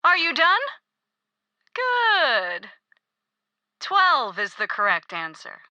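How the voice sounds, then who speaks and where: A cult queen from a video game, sweet on the surface and murderous underneath. Her voice is high and bright, leaping up and down in mocking sing-song, and she takes her time with every word. The sound is dry and close. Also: wildly swooping pitch, drawn-out words, no room sound, dull audio, full character voice. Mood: condescending. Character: gleeful, cruel young woman cult queen. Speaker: cult leader God Queen.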